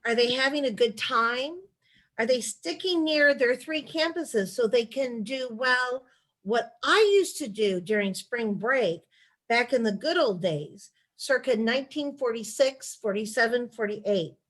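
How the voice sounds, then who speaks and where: A woman author, a former chief of staff, reading letters aloud in a measured storytelling way during a video call interview. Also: fairly high pitch, lively intonation, a bit bright.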